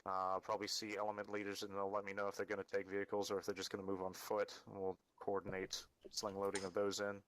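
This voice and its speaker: A man leading a military-style game mission briefing, matter-of-fact and directing, with halting delivery. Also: lowish voice, monotone, a bit bright, a little hiss or hum, poor audio. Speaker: mission leader briefing a team.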